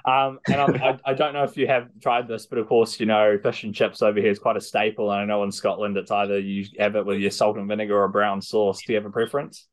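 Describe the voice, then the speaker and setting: A man interviewing a guest, firing off quick, friendly questions. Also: lowish voice, level tone. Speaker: interviewer, producer. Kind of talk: casual interview.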